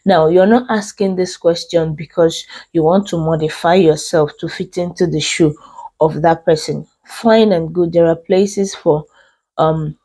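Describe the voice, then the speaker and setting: A Nigerian woman speaks in a fairly low, soft-edged, mellow voice that sounds congested and unwell. She gives casual relationship advice as a host, stressing points by repeating phrases and putting questions to the listener.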